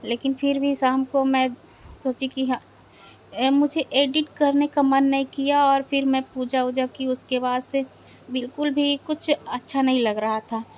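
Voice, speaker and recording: A young woman vlogger, quietly and sadly recounting a family loss with hesitant pauses. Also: high-pitched, level tone. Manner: sad, subdued, hesitant retelling of a family loss. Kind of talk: personal vlog storytelling.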